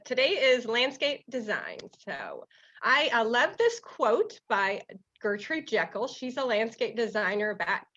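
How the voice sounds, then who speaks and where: A woman's voice: mid-range voice, a bit bright. A woman giving an online gardening lecture, nasal from a summer cold, casual with many fillers. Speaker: master gardener presenter. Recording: slightly dull, lo-fi audio.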